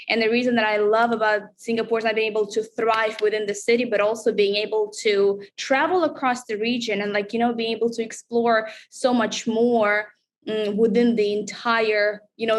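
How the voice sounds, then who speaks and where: A woman's voice: fairly high pitch, slight background noise. A woman from Russia, a guest chatting upbeat in an interview, with many fillers. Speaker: reality show contestant, guest. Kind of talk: casual interview chat.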